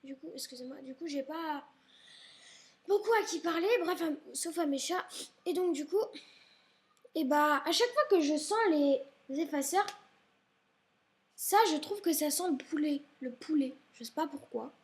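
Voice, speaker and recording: With a high-pitched voice, normal speed, and long pauses, a young woman vlogs indoors at home. Her casual chat displays her school supplies; she rambles, apologizes a lot, and seems slightly ill, maybe stuffed up.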